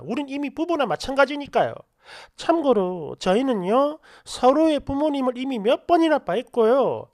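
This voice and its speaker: A woman narrating a first-person story in an animated, aggrieved manner, speaking straight to the listener. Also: sits high, dry recording, clean studio sound.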